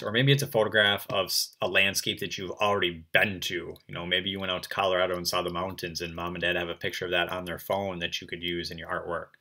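A man's voice: low voice, bright, forceful tone. A young man teaching an art lesson to children, explaining in a friendly way with many ums. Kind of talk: recorded class lesson for kids.

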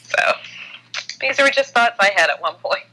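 A woman's voice: mid-range voice, lively intonation, normal speed, sharp tone, poor audio. A woman co-hosting a racing podcast in playful casual chat. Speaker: podcast co-host.

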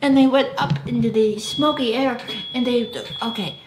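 A woman's voice: fairly high pitch, fairly even intonation, normal speed. A woman rambling through a giggly, profane mock lecture in a put-on mock Russian accent, as a co-host improvising comedy. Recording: echoey room with clear noise.

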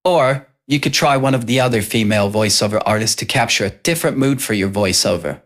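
Casual lower-voiced man explaining software. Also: a little fast. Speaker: tutorial host.

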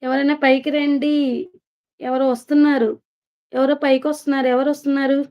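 Lady chatting on a phone live stream, high voice, kinda flat, dull lo-fi sound. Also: a little fast. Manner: chatty, greets viewers one by one, laughs often. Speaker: vlogger hosting a live stream. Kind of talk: casual live-stream chat, reading viewer comments.

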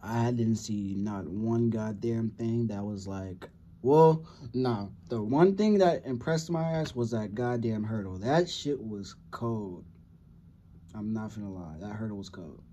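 A man's voice: on the low side, unhurried, warm tone, slight background noise. A young man from California giving casual, profanity-heavy reaction commentary on a football game, rambling and slangy. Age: young adult. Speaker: sports reaction video host.

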